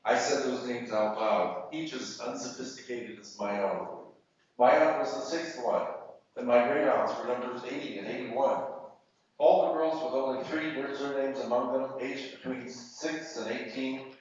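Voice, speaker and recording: A man reading fiction aloud at a literary event, measured and deliberate with pauses, in a university hall. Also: medium pitch, a little hiss or hum. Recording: echoey hall, distant mic, muffled.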